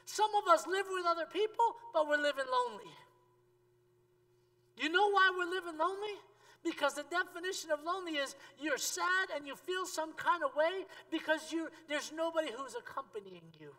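A man in his thirties preaching a sermon on a church stage, talking straight to the congregation and swinging from emphatic peaks to quiet asides. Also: extremely high pitch, animated, normal speed. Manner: conversational, addresses the congregation directly. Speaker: pastor. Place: church stage with a seated audience. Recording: long reverb of a church hall.

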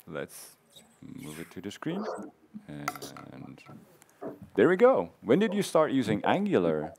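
A man's voice: deep voice, wildly swooping pitch, slow, vocal fry, noisy background. A man in his thirties hosting on a conference stage, moderating a live audience poll in an upbeat way, laughing easily, speaking into a headset mic.

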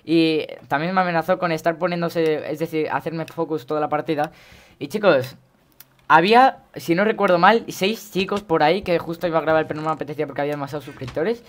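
A teenage boy with a Spain Spanish accent, rambling chattily through gameplay commentary and breaking into sudden high yelps. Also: quick pace. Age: teens. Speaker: gaming YouTuber.

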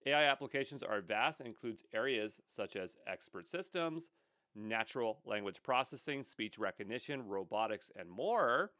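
A man teaching a technical course in a relaxed, conversational way, with a mid-range voice. He talks over slides, often adds filler words, and drops in quick asides. The sound is close and dry, with no room around it. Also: medium pitch, no room sound. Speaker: course instructor. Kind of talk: casual lecture over slides.

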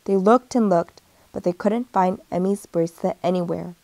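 A woman reading a picture book aloud in a gentle storytelling manner, briefly giving the characters their own voices. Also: lowish voice, moderate pace, gravelly, no room sound. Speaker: storybook reader.

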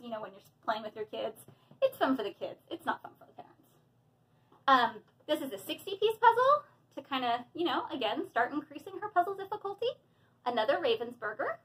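In a small room at home, a hobby vlogger in her thirties excitedly opens packages and chats away, peppering her talk with fillers. Her pitch is on the high side, and the recording sounds rough.

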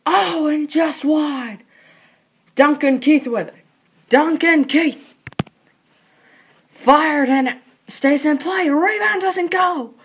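A commentator calling frantic mock hockey play-by-play in short clipped bursts, excitable and quick to raise the voice. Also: sits high.

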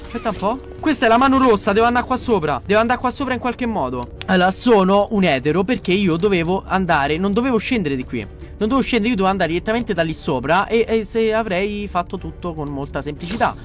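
A man's voice: high-pitched, animated, quick pace, few pauses, faint music behind. A man with a Roman accent giving live gameplay commentary, jumpy and swearing a lot as he talks to viewers. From Rome. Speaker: streamer.

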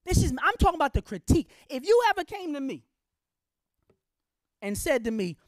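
A woman's voice: high voice, sing-song, brisk, no room sound, studio quality. A middle-aged woman giving an impassioned public lecture, blunt and colloquial, firing off rhetorical questions in a preachy, fiery way.

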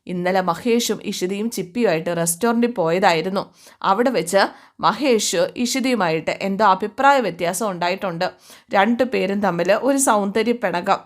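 A woman's voice: mid-range voice, lightly acted. A woman voicing an evasive older man who reports events matter-of-factly. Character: older man Ramanathan, evasive, plain-spoken.

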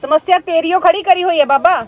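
A sensible, no-nonsense village sister, acted by a woman in a homespun family drama, with a Malwai Punjabi accent. Her very high voice lays down the law in a firm, lecturing way. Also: fast talker. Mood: stern. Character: sharp, sensible village sister, young adult.

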